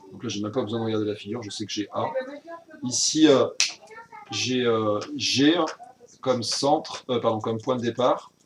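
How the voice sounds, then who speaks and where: A man's voice: fairly low pitch, moderate pace, noisy background. A man teaching a recorded virtual class recap, explaining step by step with frequent hesitations and self-corrections.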